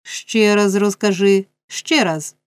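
A woman voicing a frantic, scheming old male fence in an audiobook reading, shrill and insistent. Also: fairly even intonation, slow, clear, resonant tone, no echo, studio quality, lightly acted.

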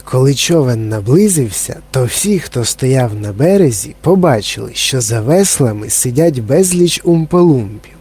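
Man, storybook narration, mellow dark tone, slightly husky, calm. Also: medium pitch. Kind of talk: storybook reading.

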